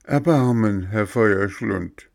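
A man voicing a brave wooden puppet boy who pleads in a raised, imploring voice in a storybook reading. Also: slow. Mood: pleading. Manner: high, imploring, heroic.

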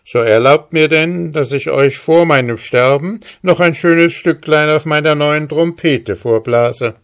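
A daring young cavalry soldier from a fairy tale, as a male narrator plays him. He speaks up brightly and confidently, with defiance always close to the surface. The phrasing stays unhurried, like a storybook read aloud. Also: fairly high pitch, pitched above the performer's own voice. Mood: bold, defiant. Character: bold cheeky young male hussar soldier.

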